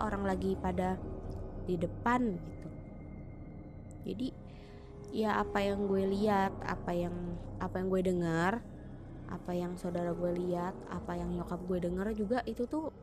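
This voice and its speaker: A young woman tells a ghost story in loose, slangy chat. She talks with plenty of restarts and fillers, at a middling pitch. Music plays clearly underneath her voice. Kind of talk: casual spoken ghost story.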